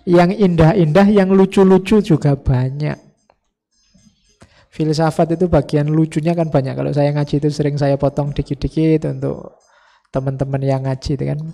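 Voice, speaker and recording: A man's voice: a little high, steady tone, moderate pace, creaky, mellow. A man giving an informal philosophy lecture, explaining with folksy jokes and acted quotes. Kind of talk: informal religious study lecture.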